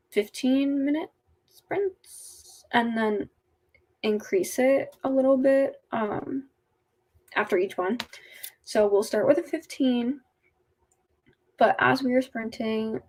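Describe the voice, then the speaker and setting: A woman's voice: a little high, darkish tone. A woman casually chatting as a livestream host in a rambling way, her speech slightly off after having her wisdom teeth out.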